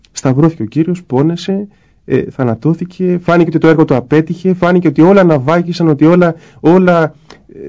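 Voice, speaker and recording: A priest speaks in a warm, mellow voice that sits a little high for a man. He explains his thoughts patiently in conversation and slips into brief acted-out exchanges to make his points. The sound is slightly muffled, as in a broadcast recording. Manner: explanatory, acts out little dialogues. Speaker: Orthodox priest guest. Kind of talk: spiritual talk in conversation.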